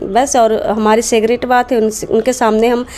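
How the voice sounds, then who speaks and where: Emphatic high-voiced woman from Delhi. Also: little pitch movement, moderate pace, a little mellow, a little hiss or hum. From Delhi, India. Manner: emphatic, repeats her point insistently. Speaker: interview guest, social media creator. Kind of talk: casual street interview.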